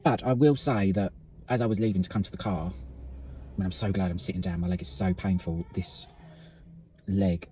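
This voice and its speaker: A man's voice: low-pitched, fairly even intonation, moderate pace, pauses often, mellow, a little hiss or hum. A British man talking candidly in a casual vlog, ranting and swearing freely as he speaks. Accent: British English. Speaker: vlogger.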